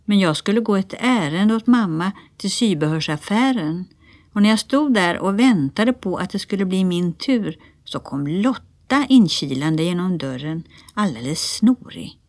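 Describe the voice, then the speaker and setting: A woman narrating a children's storybook in lively first-person voice, as one of the children. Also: lowish voice, dry recording. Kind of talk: storybook reading.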